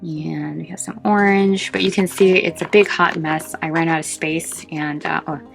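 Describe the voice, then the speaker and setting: Casual vlog host, female, low register with vocal fry, short of breath, chatty and meandering, soft guitar underneath. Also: steady tone, moderate pace. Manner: chatty and informal, meandering with asides. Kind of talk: casual chat showing a craft collection.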